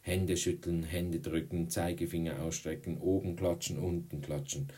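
A man narrating an audiobook in a measured, steady way. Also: low voice. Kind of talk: audiobook reading.

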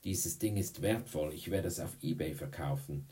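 A man voicing a cocky sixth-grade boy in an audiobook, talking boastfully and briskly. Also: rumbling low, warm tone, far from the mic. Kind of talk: audiobook reading.

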